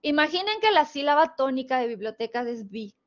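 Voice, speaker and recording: A woman's voice: high voice, big pitch swings, brisk. A woman with a northern Mexican Spanish accent teaching a spelling lesson, patiently explaining rules step by step and checking in with her students. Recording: dull, lo-fi recording.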